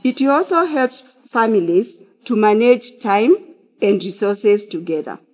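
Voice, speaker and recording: A middle-aged woman, a counseling psychologist, speaking at a church pulpit to online viewers in a measured, instructive way. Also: medium pitch, lively intonation, darkish tone. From Kenya. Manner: measured, instructive, opens with prayer. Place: church sanctuary behind a glass pulpit.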